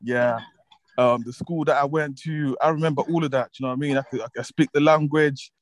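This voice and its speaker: A relaxed man in his twenties from Zimbabwe talks about his life as a musician guest. He laughs easily and repeats words as he gathers his thoughts, and his voice sounds dry and close, with no room around it. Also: a little high, a little fast, no room sound, low-quality recording. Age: 20s. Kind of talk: casual interview chat.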